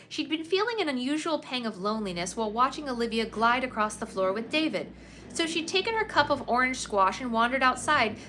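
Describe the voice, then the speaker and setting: Bright-voiced woman reading a novel aloud. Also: on the high side, slight background noise. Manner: chatty, laughs between passages. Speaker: book club reader. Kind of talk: live read-aloud with chat.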